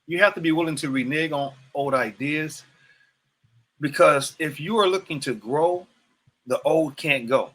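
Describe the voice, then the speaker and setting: Bright-voiced man in his fifties, preacherly. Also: fairly high pitch, measured pace. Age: 50s. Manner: preacherly, repeats phrases, addresses viewers directly. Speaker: host. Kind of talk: livestreamed motivational talk.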